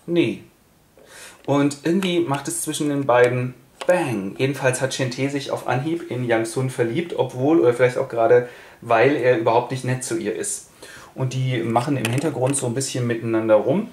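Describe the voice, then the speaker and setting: A man's voice: mid-range voice, a little fast, a little mellow, roomy sound, a little hiss or hum. Casual man retelling a play playfully. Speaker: host. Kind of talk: comic retelling with toy figures.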